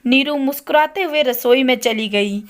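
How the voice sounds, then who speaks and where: A woman narrating a scripted family story in an even, clear storytelling delivery. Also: sits high, normal speed.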